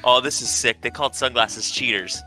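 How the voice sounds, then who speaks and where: A man's voice: medium pitch, moderate pace, pushed and bright. A man chatting casually with friends over a game, jokey and amused. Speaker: gamer in group voice chat. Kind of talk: casual gaming banter. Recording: music behind the voice. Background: background music.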